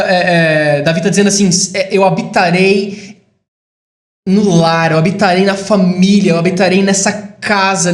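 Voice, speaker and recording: A man preaching a sermon in a high voice, recorded in an echoey room. He builds to emphatic declarations and then drops into quiet, reflective asides.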